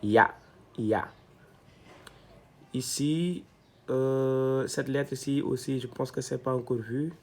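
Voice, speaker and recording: A man teaching a reading lesson step by step, patient and repeating each syllable slowly so learners can follow. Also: medium pitch, steady tone, a little mellow. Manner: slow, patient, repeats syllables to model them.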